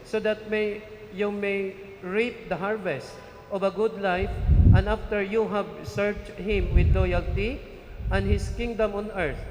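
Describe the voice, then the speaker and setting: A man serving as a priest, reciting wedding blessings in a measured, formal way, his voice carrying a cathedral echo through a large church. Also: high voice, little pitch movement, background noise. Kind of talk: liturgical blessing at a wedding mass. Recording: echoey church hall, faint ambience.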